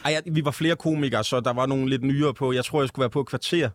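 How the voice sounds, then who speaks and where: A man's voice: medium pitch, steady tone, no echo, studio quality. A man from West Zealand, a stand-up comedian, telling stories in a casual chat with laughs and fillers. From West Zealand, Denmark. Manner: laid-back storytelling with lots of fillers and laughs.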